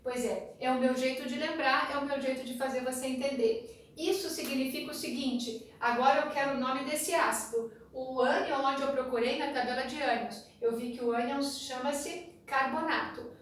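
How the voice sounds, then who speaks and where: A woman's voice: high-pitched, steady tone, moderate pace. Echoey Brazilian woman teaching chemistry. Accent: Brazilian Portuguese. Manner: chatty, repeats a sing-song memory rhyme. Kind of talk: classroom lecture. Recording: very echoey room, distant mic, faint noise.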